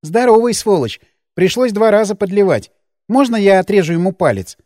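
Give me a man playing a cocky teen girl fighter, sardonic and cold, in a higher dry voice. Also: lively intonation, moderate pace, darkish tone, no room sound. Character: teenage girl, sharp-tongued vengeful fighter. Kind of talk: audiobook character voice.

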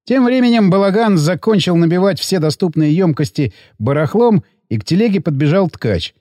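Lively gruff male audiobook narrator. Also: high voice, moderate pace, dry recording, clean studio sound. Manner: gruff, coarse first-person telling.

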